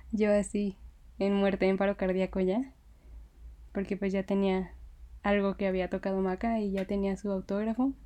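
A young woman with a Mexican Spanish accent casually telling a story, excited, laughing often and using many fillers. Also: mid-range voice.

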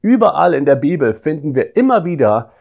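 A man's voice: on the high side, big pitch swings, a little fast, creaky, phone-quality sound. A man preaching a devotional sermon, earnest and pastoral, speaking straight to his listeners. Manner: earnest and pastoral, grows quiet and intimate; addresses listeners directly.

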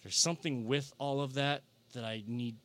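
Bright-voiced man hosting sports talk. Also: mid-range voice, normal speed. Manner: energetic, repeats himself. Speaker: podcast host.

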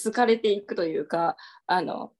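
A woman's voice: medium pitch, normal speed, a little mellow. A woman co-hosting a casual podcast chat, telling stories in a chatty way with many fillers and easy laughs. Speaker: podcast co-host.

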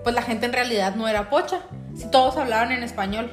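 A woman's voice: fairly high pitch, quick pace. A young Mexican woman with a Mexican accent, telling stories in a casual podcast chat, full of filler words. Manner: chatty, storytelling with filler words. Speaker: podcast co-host. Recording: roomy echo with music behind.

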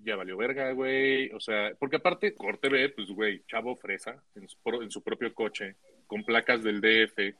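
A man's voice: moderate pace, bright, forceful tone, dry recording. A young man with a Mexican accent tells a story to friends in loose, slang-heavy talk. He mimics the people in it by jumping his voice way up. The mic is close and the room is dry. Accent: Mexican Spanish. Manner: slangy, acts out quoted voices with big pitch jumps. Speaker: storyteller in group chat. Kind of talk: casual storytelling chat.

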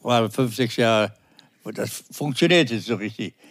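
A man's voice: medium pitch, unhurried. Older man, terse anecdotes. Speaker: veteran cook and guest. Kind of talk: casual podcast chat.

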